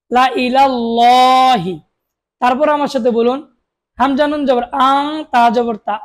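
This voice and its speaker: A woman teaching Quran reading, spelling out Arabic syllables one by one and asking listeners to repeat after her, with short explanations of the rules. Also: fairly high pitch. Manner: slow, drawn-out recitation of each syllable, with short explanations of rules.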